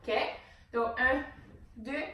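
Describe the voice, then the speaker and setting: A woman's voice: sits high, very slow, bright, forceful tone. A young woman with a Québécois accent teaching a hip hop dance class, counting beats and calling out moves. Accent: Québécois French. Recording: very echoey room, distant mic.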